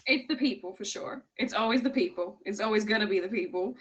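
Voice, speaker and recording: Bright-voiced, emphatic woman from Miami. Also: mid-range voice, fast, highs cut off. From Miami, United States. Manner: effusive, emphatic, repeats herself for emphasis. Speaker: guest, award recipient. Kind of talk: casual interview answers.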